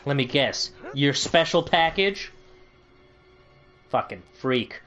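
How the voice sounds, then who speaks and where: A man's voice: medium pitch, lively intonation, takes it slowly, fairly bright tone, highs cut off. A man streaming a video game, joking, swearing and reacting aloud as he plays. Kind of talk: casual gameplay commentary. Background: game music.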